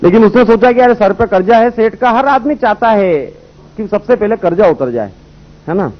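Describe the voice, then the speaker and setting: A man's voice: high voice, lively intonation, normal speed, dull audio. A man giving a spiritual discourse, telling parables and asking rhetorical questions, on an old recording. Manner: storytelling, rhetorical questions, voices characters in anecdotes. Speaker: spiritual speaker.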